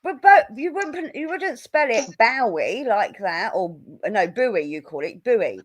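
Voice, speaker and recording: A woman's voice: on the high side, animated, normal speed. A woman in casual chat on a video call, teasing and arguing her point. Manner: argumentative, teasing.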